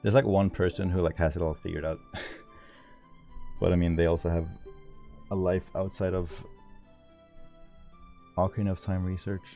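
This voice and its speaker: A man's voice: sits low, steady tone, normal speed, gravelly, long pauses, mellow, faint music behind. A man giving casual livestream commentary on his own speedrun, informal and rambling as he thinks aloud.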